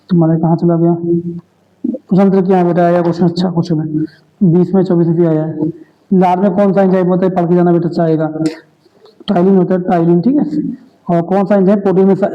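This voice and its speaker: High-voiced Hindi tutor with an even delivery. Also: male voice, muffled recording. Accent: North Indian Hindi. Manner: informal, repeatedly says "read it well" and "okay". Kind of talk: exam revision lesson.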